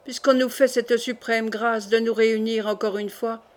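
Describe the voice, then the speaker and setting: A woman's voice: fairly high pitch, steady tone, normal speed, natural voice. A woman reading the lines of a bold young male nobleman in an audiobook, with light emphasis. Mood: urging.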